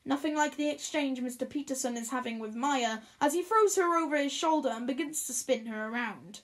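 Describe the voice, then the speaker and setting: A woman narrating a first-person story in a measured, expressive reading. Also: high voice. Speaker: audiobook reader.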